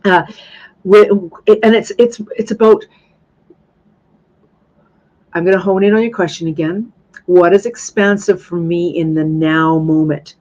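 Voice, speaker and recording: A woman in her thirties with a lowish, steady, somewhat dark voice speaks at a moderate pace over dull-sounding audio. Hosting a live spiritual Q&A, she talks earnestly and effusively, repeating phrases for emphasis.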